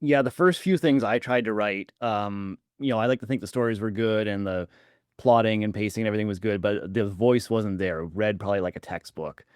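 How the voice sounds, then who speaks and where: A man hosts a podcast interview, first reading a scripted introduction and then chatting loosely with pauses and fillers. His voice is on the low side, a little mellow and smooth. The recording is dry and studio quality.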